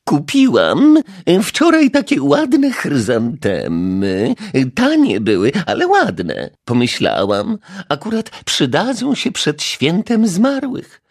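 A man voicing an irritable elderly widow neighbour in an audiobook, with a shrill, huffy, scolding falsetto. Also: huge pitch swings, takes it slowly, full character voice. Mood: grumbling. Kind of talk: audiobook character voice.

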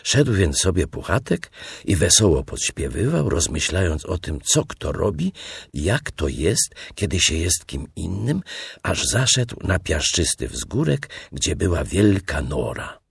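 Man, storybook narrator, gravelly low voice, slow, lively melody. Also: no room sound, clean studio sound. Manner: slow, expressive reading. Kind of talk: audiobook storytelling.

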